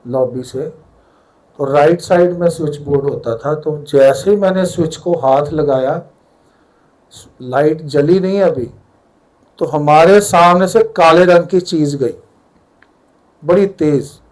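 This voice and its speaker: A man's voice: a little high, slow pace, pauses often, darkish tone, rough recording. An older man with a Punjabi accent tells a story at a satsang, vividly acting out the dialogue. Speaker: devotee sharing a satsang story.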